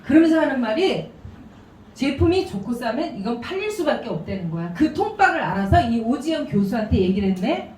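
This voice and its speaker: A woman giving a business seminar talk, telling stories in an animated way with laughing asides. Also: high-pitched, brisk, a little hiss or hum. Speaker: seminar speaker. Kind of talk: business presentation. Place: seminar room. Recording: echoey room, distant mic.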